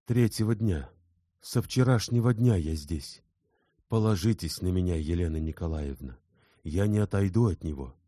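A man voicing an anxious, gentle young man who urgently reassures a distraught woman. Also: low-pitched, normal speed, no echo, studio quality. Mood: reassuring.

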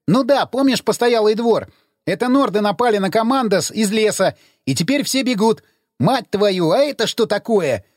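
A man voicing a frantic male lookout who shouts warnings from atop a tank. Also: high-pitched, moderate pace, no room sound, studio quality, voice pushed up. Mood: alarmed. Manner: excited, shouting.

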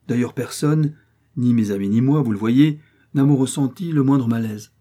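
A man's voice: mid-range voice, normal speed, dark tone, voice pushed up, natural voice. A man doing a suave young count, polished and ironic. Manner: polished, courteous, slightly ironic. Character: suave young male count, smooth talker.

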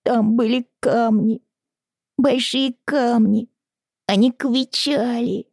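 A woman voicing a small girl wailing and sobbing in panic, with high drawn-out cries. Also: little pitch movement, mellow, no echo, clean studio sound. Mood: tearful.

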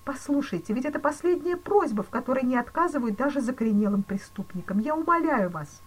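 A terrified male banker , as a woman reader puts him on, pleads in shrill, panicky bursts. His pitch sits high and leaps all over the place. It is a storybook scene read aloud. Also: expressive, quick pace, poor audio. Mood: panicked.

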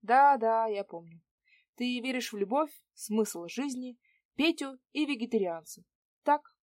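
A woman's voice: on the high side, measured pace, a little mellow, no room sound, studio quality, voice pushed up, lightly acted. A woman voicing a spoiled, cynical man around forty who needles and mocks. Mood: mocking. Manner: sarcastic, needling questions.

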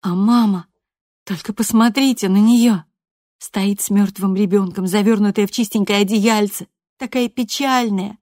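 A woman voicing a furious, defiant teenage girl who shouts bitter accusations. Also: medium pitch, little pitch movement, moderate pace, hardly any pauses, dry recording, clean studio sound, pitched above the performer's own voice, natural voice.

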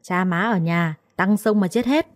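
A woman voicing a quarrelsome young female house servant who shouts accusations. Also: measured pace, no room sound, clean studio sound, lightly acted. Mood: shrill accusing. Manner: shrill yelling, quarrelsome.

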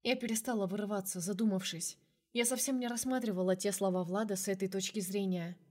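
Woman, audiobook narrator, first-person novel, calm, even, mid-pitched. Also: quick pace.

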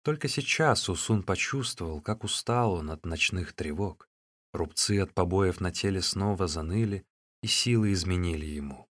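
Low-voiced male audiobook narrator. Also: animated, normal speed, fairly bright tone, dry recording. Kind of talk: scripted narration.

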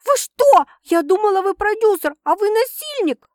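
A woman voicing a frightened young actress, high and pleading, in a spoken audiobook. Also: lively intonation, moderate pace, a little mellow, dry recording, studio quality. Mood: shocked.

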